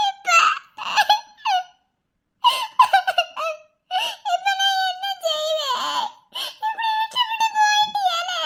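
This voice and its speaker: A woman plays a fierce young widow in a Madurai-slang cartoon, her voice pitched extremely high and bright. She wails and sobs, then scolds hard, with a thick Madurai Tamil accent. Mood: grieving. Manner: wailing and sobbing, then sharp scolding. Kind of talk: cartoon voice acting.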